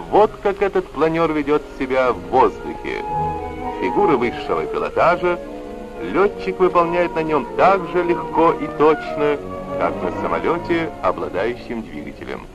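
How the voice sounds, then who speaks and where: Old newsreel narrator, man, animated muffled vintage sound. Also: a little high, moderate pace, music in the background.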